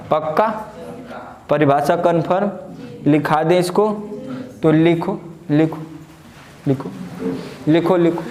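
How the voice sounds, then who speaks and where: High-voiced man teaching a noisy class. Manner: quizzing pupils with call-and-response questions; bossy, repeatedly hushing a noisy class. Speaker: coaching teacher. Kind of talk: classroom lecture. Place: classroom full of pupils. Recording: echoey classroom with chattering kids.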